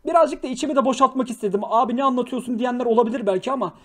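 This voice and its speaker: Talking very fast in an extremely high, fairly bright voice, a young livestream host reads out viewer messages. He is slangy and jokey with warmth toward his audience, yet swears freely and bursts into angry rants, then apologizes.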